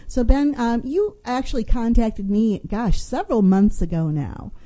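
A woman's voice: on the high side, moderate pace, warm tone. A middle-aged woman hosting a public affairs radio interview, conversational and responsive as she speaks. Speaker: radio host. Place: radio studio. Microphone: studio microphone.

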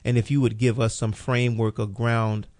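A man's voice: mid-range voice, flat delivery, normal speed, darkish tone, no echo, clean studio sound. A man hosting a radio program, talking in a casual, rambling way as he sets up questions for a guest. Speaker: radio show host. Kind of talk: radio interview.

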